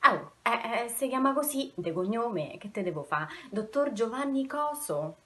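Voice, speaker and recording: A woman's voice: a little high, expressive, unhurried, fairly bright tone. An actress playing a cheeky, mocking woman in a comic sketch. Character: cheeky Roman woman calling herself Nina. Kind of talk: comic theater dialogue.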